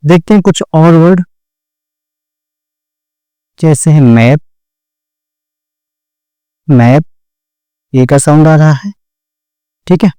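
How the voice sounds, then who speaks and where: A man teaches shorthand at an unhurried pace, spelling out each word and pausing to check understanding. His voice sits somewhat high for a man but has a mellow, smooth tone. The sound is dry and close, with no room echo, and a faint electrical hum runs underneath. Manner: slow, patient, repeats words and checks understanding. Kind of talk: step-by-step classroom explanation.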